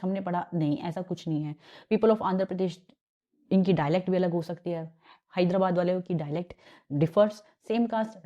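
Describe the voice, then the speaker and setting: A woman's voice: medium pitch, mellow. A woman with an Indian accent teaching an exam revision lesson, switching between Hindi and English and asking her students questions as she explains.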